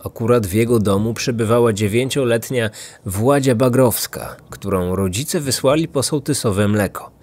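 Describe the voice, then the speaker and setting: A man with a mid-range, slightly mellow voice speaks at a normal pace. He's a podcast host narrating a true-crime story from a script, with music playing behind him.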